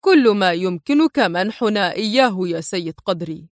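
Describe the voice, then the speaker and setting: A woman's voice: medium pitch, animated, normal speed, dry recording, natural voice. A cold young male interrogator speaks in short, firm sentences, voiced by a woman reading a story aloud. The recording is dry and close, with no room sound. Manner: curt and cold. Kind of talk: audiobook character reading.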